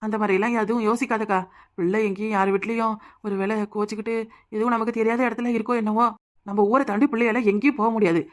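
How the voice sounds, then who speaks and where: Woman as a fast-talking consoling village aunt. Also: medium pitch, little pitch movement, natural voice. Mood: pleading. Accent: Tirunelveli Tamil. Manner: pleading, reassuring. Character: consoling village aunt, a younger sister-in-law. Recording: cartoon dub with music underneath.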